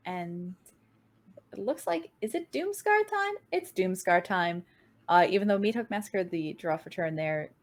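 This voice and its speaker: A woman casting a card game match, giving play-by-play commentary with an upbeat manner and quick swings in pitch and tempo. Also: a little mellow. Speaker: game caster.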